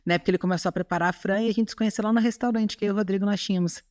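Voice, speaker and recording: A woman's voice: mid-range voice, fairly even intonation, racing, a little mellow, no room sound, clean studio sound. A woman from Chile with a Brazilian Portuguese accent, a podcast guest talking earnestly in casual chat. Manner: earnest, tags remarks with "sabe?". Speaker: guest, bodybuilding athlete.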